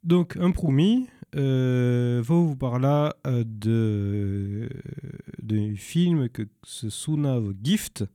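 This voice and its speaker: A man recommending films in a second language, halting and searching for words as he goes. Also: mid-range voice, dark tone, no room sound, clean studio sound. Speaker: film presenter. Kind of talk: informal spoken film recommendations.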